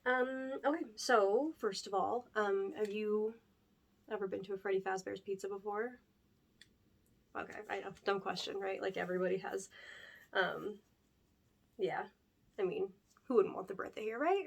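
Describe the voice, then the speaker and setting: In an ASMR role-play, a young woman creator with a natural, mid-range voice plays a talkative pizzeria worker interviewing a new hire. Her rambling is upbeat, packed with fillers and nervous jokes.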